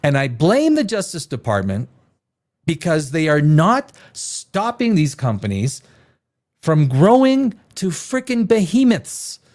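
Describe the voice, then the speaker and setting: A man's voice: fairly high pitch, huge pitch swings, takes it slowly, darkish tone. A man in his fifties hosting a live stream, talking in a rambling, opinionated way with many restarts while reading viewer comments. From born in Czechoslovakia, raised elsewhere. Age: 50s. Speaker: live show host reading chat.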